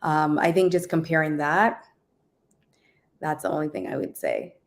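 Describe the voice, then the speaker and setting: A woman from Jamaica, a guest DJ, chatting casually in an interview, relaxed and laughing often, trailing off with ums. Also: sits low, normal speed.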